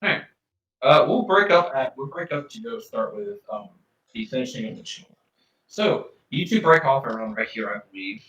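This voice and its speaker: A man narrating as game master in a halting way, stopping and restarting often. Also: medium pitch, big pitch swings, a bit bright, slight background noise. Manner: halting, full of restarts and fillers. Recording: echoey room, mic far off.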